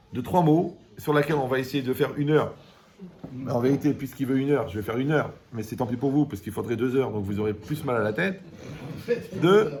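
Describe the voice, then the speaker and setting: A man giving a lively Torah class, joking and asking his audience questions. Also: on the high side. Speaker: Torah teacher.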